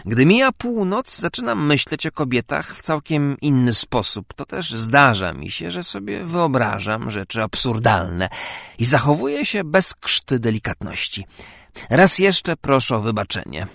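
A charming, self-assured gentleman seducer, read by a man in a lowered, soft, amused tone. The voice is gravelly and rises and falls freely. The recording is dry and close. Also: big pitch swings, unhurried, no echo, exaggerated voice.

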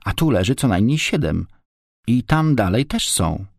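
A man's voice: normal speed, creaky, no echo, clean studio sound. A man reading a storybook, voicing a tearful little girl who loves her snacks, with a raised, dramatic voice. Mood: excited. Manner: high, sobbing, then excited.

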